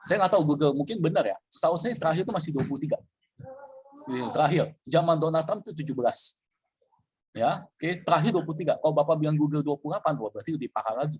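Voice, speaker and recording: A man's voice: a little high, slight background noise. Chatty man explaining market charts. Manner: chatty, frequent fillers and checks for understanding. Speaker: trading webinar presenter. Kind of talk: casual explanatory webinar.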